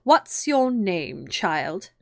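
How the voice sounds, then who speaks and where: A woman's voice: lowish voice, little pitch movement, measured pace, slightly rough, no echo, clean studio sound. A woman voicing a furious, imperious storybook queen who barks severe commands. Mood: stern. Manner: severe, loud, barking commands. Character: furious, imperious, shrieking Queen of playing cards.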